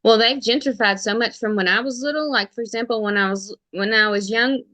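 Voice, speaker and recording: Bright-voiced woman with thick Southern accent. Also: a little high, brisk, no room sound. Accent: thick Southern US, Alabama. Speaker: realtor, interview guest. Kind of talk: casual chat.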